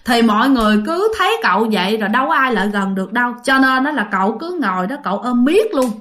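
A fairly high-voiced woman tells a ghost story. She talks in a loose, chatty way, full of fillers, and keeps addressing her listeners directly. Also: sing-song, quick pace, fairly bright tone. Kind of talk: spoken ghost story telling.

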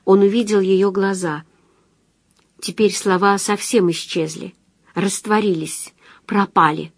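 Calm female audiobook narrator. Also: mid-range voice, unhurried, no echo, studio quality. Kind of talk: scripted literary narration.

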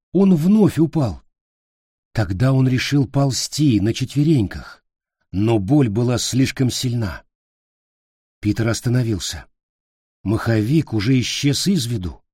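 A man narrating an audiobook at an unhurried, measured pace, his pitch rising and falling expressively. His voice is dark and mellow with a husky grain, recorded close and dry. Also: lively intonation, dry recording. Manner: measured storytelling. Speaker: audiobook reader. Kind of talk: scripted narration.

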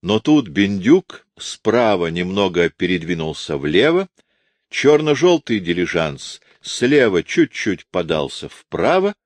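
A man reading fiction aloud as an audiobook narrator, in an expressive storytelling manner. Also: low-pitched, no echo.

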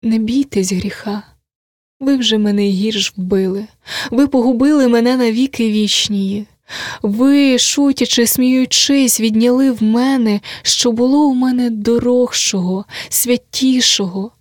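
A woman's voice: fairly high pitch, a little slow, a little mellow, no room sound, clean studio sound, lightly acted. A woman voicing a desperate, heartbroken young village girl who laments and pleads on the edge of tears in an audiobook reading. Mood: despairing.

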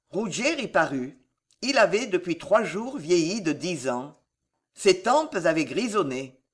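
A woman narrating a historical novel as an audiobook in a measured, expressive reading. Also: on the low side. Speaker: audiobook reader.

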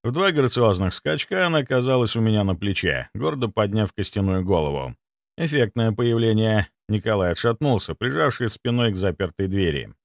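A man narrating a first-person audiobook in an expressive, wry manner. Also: on the low side, normal speed, no room sound, studio quality.

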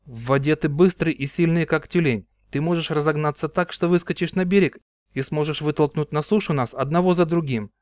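Guy reading a steady persuasive brother, a bit out of breath, clear voice. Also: fairly high pitch, fairly quick, no echo, close to an everyday voice. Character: calm reasoning man, leader brother.

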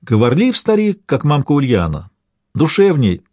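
A man narrating a historical story in a measured, old-fashioned style. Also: a little high, wildly swooping pitch, dark tone, no room sound. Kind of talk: scripted audiobook narration.

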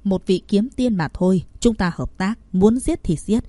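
A woman voicing a shadowy male assassin guild boss who speaks in a cold, scornful, husky tone, read from a storybook. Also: mid-range voice, moderate pace, mellow, no room sound, natural voice. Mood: cold, scheming.

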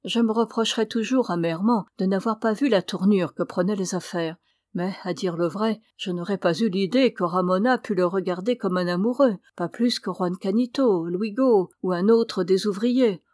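In an audiobook, a female narrator voices a cool, controlling elderly mother, speaking in a calm, measured, quietly persuasive manner at a middle pitch. The recording is close and dry, and her voice sounds close to an everyday one.

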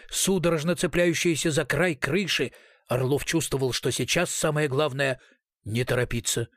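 Man reading a story, steady and measured. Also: on the high side, no room sound, studio quality. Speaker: audiobook narrator. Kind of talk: scripted narration.

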